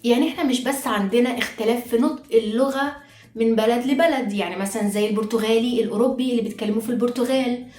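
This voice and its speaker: A woman's voice: a little high, rapid-fire, darkish tone. Egyptian woman teaching in an echoey room. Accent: Egyptian Arabic. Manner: patient, explains step by step with spoken examples. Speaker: Portuguese teacher. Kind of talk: online language lesson. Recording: echoey room with faint music.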